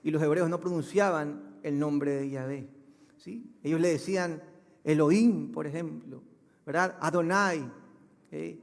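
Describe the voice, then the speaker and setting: A man's voice: on the high side, measured pace. Casting: male pastor, emphatic sermon, reverberant church hall. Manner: emphatic preaching, rising to loud proclamations.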